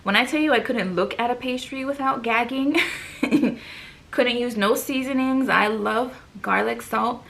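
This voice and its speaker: A woman's voice: on the high side, unhurried, creaky, a bit bright. A young woman vlogger chatting casually to camera, out of breath, with lots of fillers and sighs.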